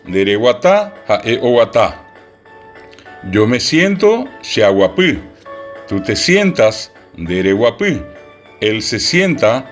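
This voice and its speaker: A man leads a language lesson for children, sounding out each word with great care. His pace is very slow and his pitch rises and falls with lively emphasis, while soft music plays faintly in the background. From Paraguay. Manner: slow, deliberate, repeats each word clearly. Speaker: language teacher.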